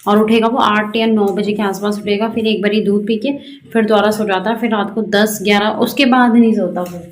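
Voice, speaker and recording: A woman's voice: mid-range voice, fairly even intonation, fairly quick. A young woman from Garhwal in the hills of northern India, chatting through a home vlog with lots of fillers. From Garhwal, Uttarakhand. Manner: chatty, rambling, many fillers. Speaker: vlogger. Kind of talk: casual vlog narration. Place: home kitchen.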